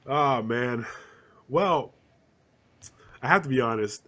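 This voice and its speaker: A man co-hosting a podcast in casual chat, with a congested, slightly hoarse voice from a cold, rambling with fillers and restarts. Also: medium pitch, animated, slow pace, bright, forceful tone. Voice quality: throat kinda hurts, slightly hoarse. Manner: rambling, many restarts and fillers, laughs often. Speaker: podcast co-host.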